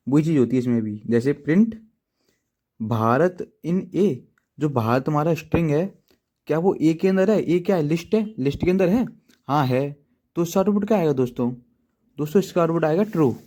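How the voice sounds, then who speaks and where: A man explains programming step by step in a loose, chatty tutorial manner, stopping often to check in with his listeners. His voice sits slightly high but sounds dark and mellow. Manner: chatty, repeats "ठीक है दोस्तों" often; self-deprecating asides to viewers. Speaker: coding teacher. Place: at home writing in a notebook.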